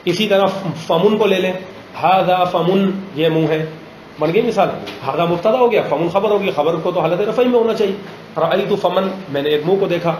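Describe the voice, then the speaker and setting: A man teaching a grammar lesson in a classroom, pausing often to ask students questions and slowing down on examples. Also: sits high, darkish tone, a little hiss or hum. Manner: drills students with frequent check questions; slows down to spell out example phrases. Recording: roomy classroom echo.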